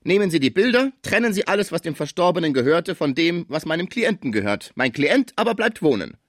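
A man voicing an indignant male lawyer who argues forcefully for his client. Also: fairly high pitch, very animated, fairly quick, dry recording, clean studio sound, pitched above the performer's own voice. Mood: protesting. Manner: forceful and protesting.

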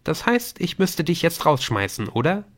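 A man reading a curious teenage girl in a raised, lively, wondering voice. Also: on the high side, normal speed, voice pushed up.

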